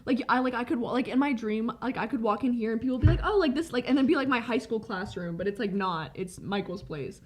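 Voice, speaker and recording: Talking fast with hardly any pauses, a young woman podcast co-host rambles through a story in casual conversation, filling it with "like." Her voice is fairly high, animated and husky.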